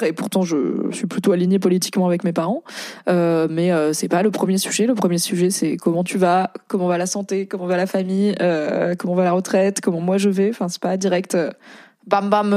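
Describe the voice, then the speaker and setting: A woman's voice: on the low side, warm tone, dry recording, clean studio sound. A young French-speaking woman hosting a casual podcast, reading and commenting on posts in a chatty way with many fillers.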